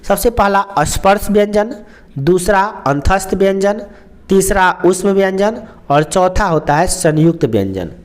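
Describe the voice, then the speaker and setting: High-voiced man teaching slowly. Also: lively intonation. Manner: slow and repetitive, stretches out sounds, asks and answers himself. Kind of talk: explaining a lesson.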